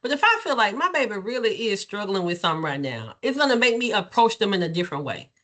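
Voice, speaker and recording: Lively, bright-voiced woman counselor teaching. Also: mid-range voice, fast. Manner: candid and chatty, with frequent "right?" check-ins. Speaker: licensed counselor leading a clinician training. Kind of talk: conversational webinar teaching.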